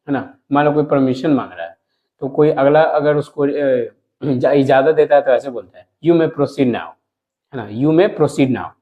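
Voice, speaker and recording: A man teaching a lesson to viewers, explaining slowly, repeating words and asking himself questions as he goes. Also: mid-range voice, darkish tone. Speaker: English teacher.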